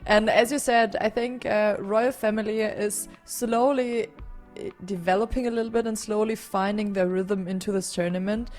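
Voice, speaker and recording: A woman co-hosts a live esports broadcast in an upbeat way. Her voice sits at an ordinary middle pitch for a woman, and she often hesitates on "uh" as she talks. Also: steady tone, moderate pace, darkish tone, faint music behind. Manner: upbeat, with many "uh" fillers. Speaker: esports co-caster. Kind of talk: live stream commentary.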